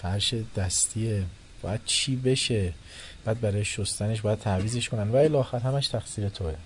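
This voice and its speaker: A man giving a religious philosophy lecture to a class, animated, moving between soft and loud and acting out the people he quotes. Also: lowish voice, slight background noise. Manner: animated, shifting loudness, quotes and acts out people.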